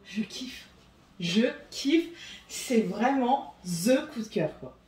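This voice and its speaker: A woman's voice: a little high, animated, slow pace, a little mellow. A middle-aged woman with a French accent, chatting casually through a haul video with many hesitations and repeats. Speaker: vlogger.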